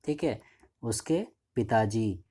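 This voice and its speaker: गहरी, नरम आवाज़ वाला पुरुष शिक्षक. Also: male voice, lowish voice, expressive, warm tone. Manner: reads English lines slowly, then explains in Hindi with repeated "ठीक है". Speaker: teacher. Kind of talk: line-by-line lesson explanation.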